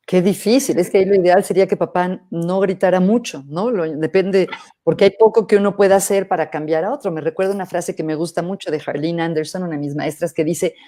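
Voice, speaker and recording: A middle-aged woman psychologist, answering questions in a thoughtful, measured way with hesitant restarts. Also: on the low side, mellow. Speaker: psychologist guest. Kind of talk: live interview answering questions.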